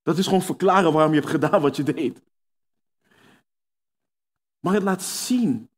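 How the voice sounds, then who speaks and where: A man's voice: a little high, normal speed, husky. Emphatic man preaching a sermon. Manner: earnest, emphatic, repeats key words; acts out quoted voices within preaching.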